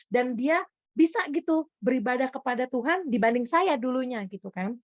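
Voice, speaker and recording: A woman from Indonesia preaching a testimony sermon to a congregation, telling her story in a lively way and often turning to address her listeners directly. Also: high voice, moderate pace, no room sound, clean studio sound.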